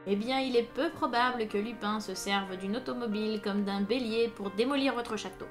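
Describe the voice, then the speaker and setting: An unflappable police inspector speaks in a calm, dry, unhurried way, as a woman reader voices him. His lines carry quiet irony. Faint piano music sits underneath the storybook reading. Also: a little high, lightly acted. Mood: wry.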